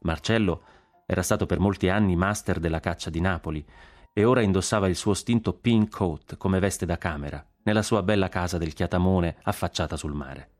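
Deep-voiced man reading a novel. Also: a little fast, darkish tone, faint music behind. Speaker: narrator. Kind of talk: literary audiobook reading.

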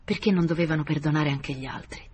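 A narrator reading a novel aloud as an audiobook in a measured, expressive way. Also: mid-range voice, husky.

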